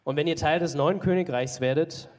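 A man's voice: a little high, a little fast, a little mellow. A man interpreting a sermon live, hesitant, with many fillers and self-corrections. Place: church hall. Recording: long church hall reverb.

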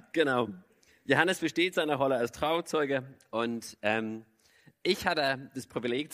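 A male pastor preaching in German. He tells stories earnestly and slows down when quoting scripture. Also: mid-range voice, fairly bright tone. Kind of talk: sermon.

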